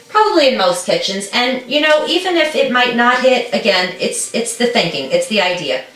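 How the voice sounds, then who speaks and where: A woman's voice: mid-range voice, a bit bright, echoey room, distant mic, a little hiss or hum. A woman co-hosting a show, chatting casually and encouragingly as she demonstrates a recipe in a home kitchen, often checking in with "okay?". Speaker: co-host.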